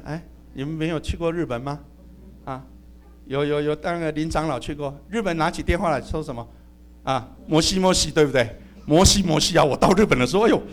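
A middle-aged man preaching a sermon as pastor, humorous and animated, often calling out amen and hallelujah. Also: high voice.

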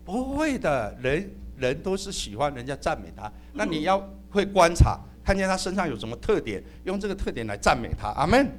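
Man, middle-aged, pastor's sermon, high voice, swooping lively pitch, humorous, amen and hallelujah calls. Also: a little fast, few pauses. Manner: humorous and animated, often calling out amen and hallelujah.

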